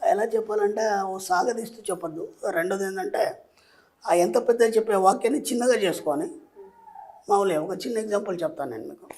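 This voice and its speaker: A middle-aged man, a spiritual teacher, giving advice as a guest and telling lively stories that act out what people say. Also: high voice, a little fast. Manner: lively storytelling, acting out quoted speech. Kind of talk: explanatory advice talk.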